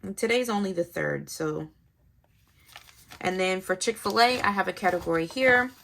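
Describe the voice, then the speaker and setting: Gravelly, bright-voiced woman vlogging. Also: mid-range voice, moderate pace, slight background noise. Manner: chatty, thinks aloud while writing, mutters numbers to herself. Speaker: planner vlogger. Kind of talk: casual narrated planner setup.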